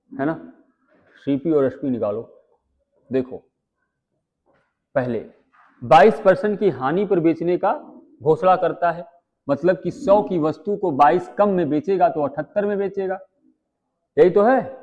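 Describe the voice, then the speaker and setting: A man teaching maths, chatty and firing quick questions at his students. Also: fairly high pitch, a little mellow, muffled recording. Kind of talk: live online exam-prep class.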